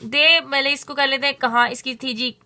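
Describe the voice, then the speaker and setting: A woman teaching a Spanish lesson, explaining step by step and drawing out her Spanish examples slowly. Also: high voice, fairly even intonation, bright, forceful tone, slight background noise. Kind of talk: spoken language lesson.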